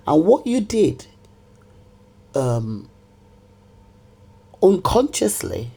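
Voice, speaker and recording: Her voice is low, dark and husky as this middle-aged woman faces the camera and berates an absent person. She keeps circling back to the same points in a combative rant.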